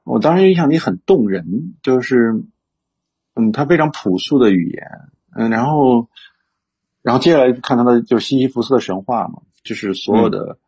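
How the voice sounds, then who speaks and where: A man's voice: mid-range voice, expressive, normal speed, a little mellow, slightly rough. A man talking reflectively in casual conversation, with many fillers and restarts. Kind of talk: casual conversational discussion about books. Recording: dull lo-fi sound.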